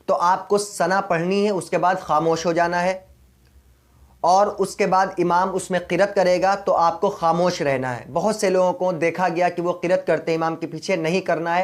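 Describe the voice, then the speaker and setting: A man with a fairly high voice for his sex and an Urdu accent teaches the rules of prayer behind an imam. He goes step by step, patient and methodical, and repeats the key points so they stick. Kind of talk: religious instruction.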